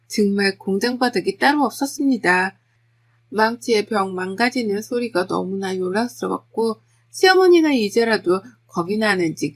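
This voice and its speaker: A middle-aged woman narrating her own family story in a steady, confessional first-person retelling. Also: medium pitch.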